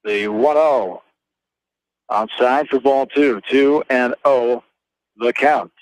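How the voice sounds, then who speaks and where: An American man calls a baseball game live on the radio as the play-by-play announcer, speaking in terse, clipped phrases broken by pauses. His voice is medium-pitched, and the audio is poor though free of echo.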